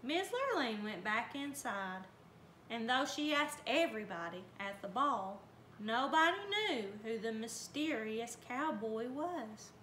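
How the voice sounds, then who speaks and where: A woman reads a storybook aloud at an unhurried pace, her bright, fairly high voice rising and falling expressively. The folksy telling rings in a roomy space with faint background noise. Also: lively intonation. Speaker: volunteer reader.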